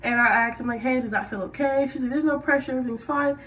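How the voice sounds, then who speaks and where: A young woman in the military telling a casual work story while doing her hair, chatty and animated with sudden loud bursts. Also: high voice, quick pace, far from the mic, a little hiss or hum, rough recording.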